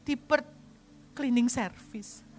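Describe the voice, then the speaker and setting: A middle-aged woman pastor from Indonesia, preaching a sermon as lively storytelling and acting out the dialogue. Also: on the high side, slow, a little hiss or hum.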